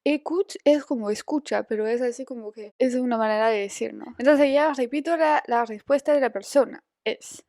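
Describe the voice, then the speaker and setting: A woman from France with a French accent, a native French speaker, teaching a language lesson in Spanish and slowly repeating phrases for her students. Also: fairly high pitch, a little mellow, dry recording, studio quality. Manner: slow, patient, repeats phrases.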